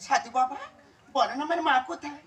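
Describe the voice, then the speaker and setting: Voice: sits high, a little fast. A wailing, grieving mother. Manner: wailing, tearful pleading. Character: grieving mother and distraught daughter figures. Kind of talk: folk stage drama. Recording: echoey live stage, far mic, loud music.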